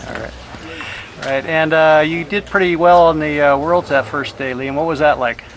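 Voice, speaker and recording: A man asks relaxed interview questions, often halting on fillers. His voice sits somewhat high. Faint background noise is heard.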